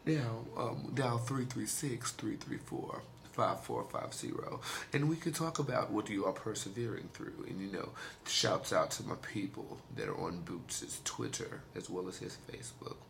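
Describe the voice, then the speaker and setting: A man putting on a smooth, deep-voiced persona of a male radio fill-in host, speaking in a low, hushed, crooning way. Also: moderate pace, a little hiss or hum.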